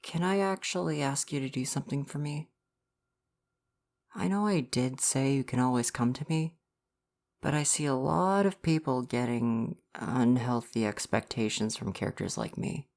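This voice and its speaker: Here the same earnest, reassuring visual novel boyfriend offers personal affirmation in ASMR roleplay, his tone tender and soft-hearted. The delivery sounds natural and gravelly, pitched in the middle range at a moderate pace.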